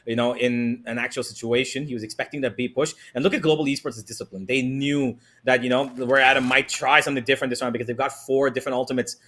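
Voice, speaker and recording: Bright, forceful male esports caster. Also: mid-range voice, fast talker, hardly any pauses. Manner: excitable, rising urgency in action. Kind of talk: live esports casting commentary on a tactical shooter match.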